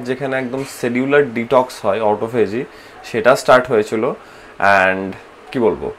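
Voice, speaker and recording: At home indoors, a man with a Bengali accent narrates a casual vlog, speaking slowly and softly to conserve energy because he's tired from fasting. His voice is medium-pitched, he slips English phrases into his talk, and there's a slight hiss or hum.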